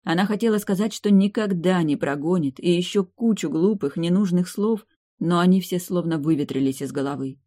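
Audiobook narrator, calm even storytelling, mellow warm tone, dry close recording. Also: medium pitch, fairly quick, no room sound. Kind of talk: scripted novel narration.

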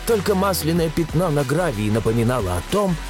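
A man narrating a story in an expressive, suspenseful audiobook style. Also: on the high side, fairly quick, over music.

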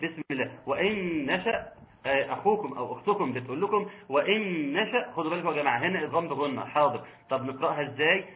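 Egyptian sheikh teaching recitation, tinny line. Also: male voice, fairly high pitch. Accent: Egyptian Arabic. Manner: slow drawn-out recitation of verse examples, patient corrections. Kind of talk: online Quran recitation lesson, correcting students.

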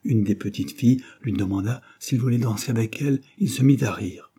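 A man narrating a classic novel as an audiobook, in a steady, measured reading. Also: medium pitch, husky. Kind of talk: scripted narration.

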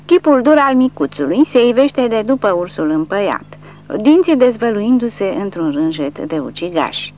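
Woman narrating a war audiobook, animated. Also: mid-range voice. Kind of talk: scripted narration. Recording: dull lo-fi recording with faint hum.

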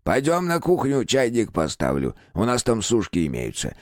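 A man voicing a small, furry, ancient house spirit in an audiobook, creaky and grumbling, teasing the boy he talks to. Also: mid-range voice, huge pitch swings, moderate pace, no echo, studio quality, voice pushed up. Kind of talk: audiobook character voice.

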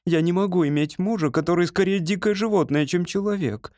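A man's voice: high voice, a little fast, darkish tone, no echo, clean studio sound, pitched above the performer's own voice, close to an everyday voice. A man voicing a young woman who pleads emotionally with her beloved in an audiobook reading. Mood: pleading.

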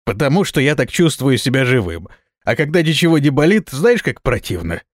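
A man's voice: medium pitch, very animated, fairly quick, no room sound, clean studio sound, voice pushed up. A man voicing an old, weary male vampire lord who groans and complains, in a storybook reading.

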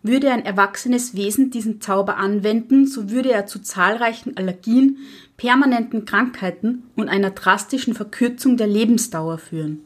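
Brief: strict no-nonsense witch mentor, voiced by a woman, clipped instructions, average pitch. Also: normal speed, lightly acted. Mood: stern instructing. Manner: curt, matter-of-fact instructing. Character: strict, unflinching female witch teacher. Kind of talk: audio drama reading.

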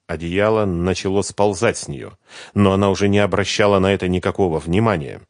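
Male narrator, low, lively reading, dry close studio sound. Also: a little fast, dry recording. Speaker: audiobook reader. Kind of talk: scripted audiobook narration.

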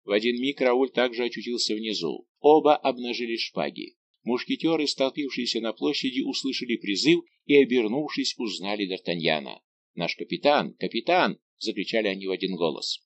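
The narrator is a man with a medium-pitched voice, speaking a little fast. He brings an adventure novel to life as an audiobook with dramatic, vivid delivery.

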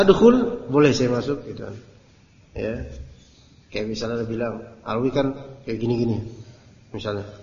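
A man teaching a Quran commentary class in a casual, animated way, acting out quotes and jokes. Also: mid-range voice. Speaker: Islamic teacher. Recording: roomy echoey lecture recording, dull lo-fi.

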